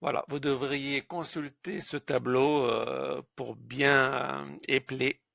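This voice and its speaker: A man teaching French pronunciation in a slow instructional lesson, patiently spelling out sounds letter by letter. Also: medium pitch, fairly even intonation, vocal fry, bright, forceful tone, no echo, studio quality.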